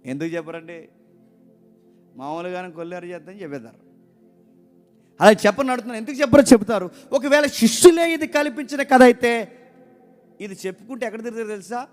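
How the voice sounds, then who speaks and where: A man's voice: sits high, a little fast, long pauses, soft background music. A man preaching a sermon as a pastor, hammering his points with repeated words and rhetorical questions he makes the congregation answer. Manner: emphatic, keeps firing rhetorical questions at the congregation and demanding answers; repeats key words for emphasis.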